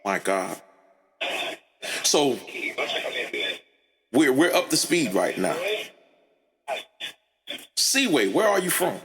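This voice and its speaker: Deliberate male podcast host. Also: medium pitch, very animated, a bit bright. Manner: deliberate, probing questioner. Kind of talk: interview questions. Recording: reverberant with faint noise.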